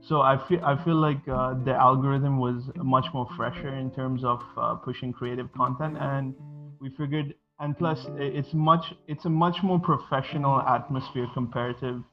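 A man's voice: medium pitch, fairly even intonation, normal speed. A man in his twenties, originally from Sri Lanka, answering interview questions casually and hesitantly, with many fillers and restarts. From Sri Lanka, raised in Bahrain. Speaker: guest, design studio co-founder. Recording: dull lo-fi audio with music behind.

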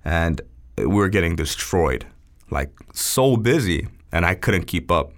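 A man's voice: deep voice, expressive, measured pace. A man, a chef as a guest, telling stories in a loose, laid-back way full of fillers. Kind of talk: casual chat.

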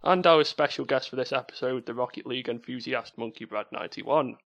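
A man's voice: mid-range voice, fairly quick, gravelly, fairly bright tone, lo-fi sound. A man with a Stoke-on-Trent Potteries accent, hosting an informal gaming podcast. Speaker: stand-in podcast host.

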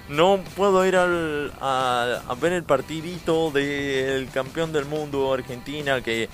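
A man voicing a glum adult Mexican football fan in comic radio banter, with a put-on Mexican accent and a mopey, drawn-out delivery. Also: on the high side, a bit bright, faint music behind. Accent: put-on Mexican Spanish. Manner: mopey, drawn-out, laughing at own jokes.

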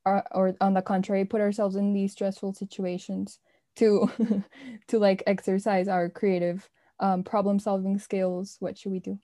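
Flat, mellow-voiced woman podcast host. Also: medium pitch, normal speed. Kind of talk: casual interview chat.

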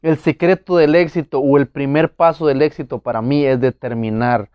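A man's voice: mid-range voice, steady tone, normal speed, smooth, dry recording, highs cut off. A man preaching a motivational sermon, talking earnestly and with emphasis, speaking straight to his listeners.

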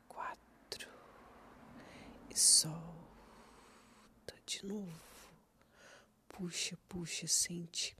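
Long pauses separate each prompt as this meditation guide, whose accent is Brazilian, murmurs gentle, soothing instructions in a breathy near-whisper. The voice sits in the mid range.

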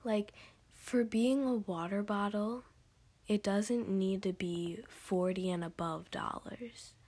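A teenage girl doing a whispered ASMR talk, casual and rambling with many fillers, in a breathy whisper. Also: mid-range voice, fairly even intonation, slow, a little mellow.

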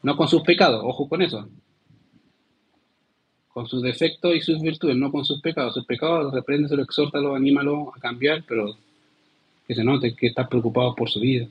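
Husky Chilean pastor preaching. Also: male voice, medium pitch, fairly even intonation, fairly quick, lo-fi sound. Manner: earnest, addresses listeners as "querido". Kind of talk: sermon.

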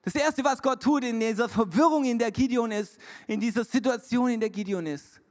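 A man's voice: very high-pitched, fairly quick. A man preaching a sermon as a pastor, emphatic and repetitive, with English words dropped into his talk. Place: church hall. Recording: reverberant church hall.

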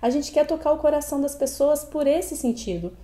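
A woman's voice: high voice, expressive, a little fast, warm tone. A Brazilian woman co-hosting a podcast in a conversational, earnest and reflective way, choosing her words as she goes. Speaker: podcast co-host, animal protection advocate. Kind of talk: conversational pet podcast talk. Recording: roomy, echoing voice recording.

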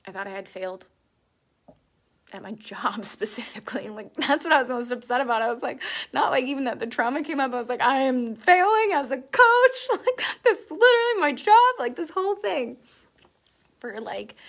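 Woman coach, gravelly, soft and reflective, drifts into half-whispers during a self-help live stream. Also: fairly high pitch.

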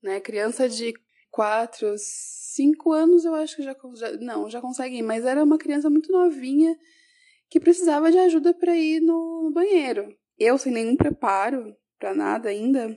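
Mellow-voiced woman telling a teaching story. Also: sits high, moderate pace. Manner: reflective, self-correcting. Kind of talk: personal storytelling.

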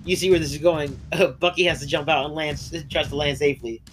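A man's voice: on the high side, steady tone, brisk, faint music behind. A man co-hosting a casual podcast, retelling a show's episode in a rambling way with laughs and restarts, his voice breaking and coughing now and then. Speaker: podcast co-host. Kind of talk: casual recap chat.

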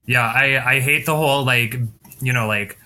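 A man's voice: mid-range voice, normal speed, bright, forceful tone. A man hosting a podcast in casual chat, with a wry, gossipy way of talking. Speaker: podcast host.

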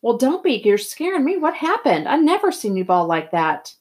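A woman reading a story as a quiet, loyal teenage boy with a casual, plain-spoken manner. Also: mid-range voice, fairly quick, close to an everyday voice. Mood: soothing, concerned.

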